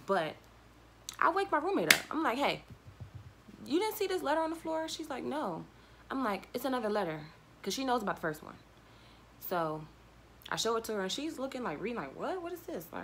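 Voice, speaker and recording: A young adult woman tells a personal story vlogger-style, casual, slangy and animated, acting out snippets of dialogue. Her voice is medium-pitched and gravelly, with slight background noise.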